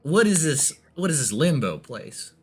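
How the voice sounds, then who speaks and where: A man's voice: a little high, very animated, normal speed, slightly rough, soft background music. A man voicing a bossy, impatient merchant woman in a tabletop game, curt and demanding.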